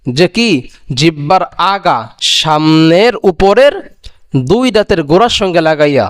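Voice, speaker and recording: Male Quran teacher, high voice, unhurried drilling, dry close recording. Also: clear, resonant tone, no echo. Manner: drills each letter twice, stretching the sound, then asks and answers his own questions. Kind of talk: slow recitation lesson on Arabic letter sounds.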